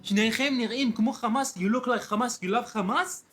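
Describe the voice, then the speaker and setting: A man playing a shrill, pushy heckler. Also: racing. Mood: badgering. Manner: shrill, loud and insistent, repeating himself. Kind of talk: comedy skit.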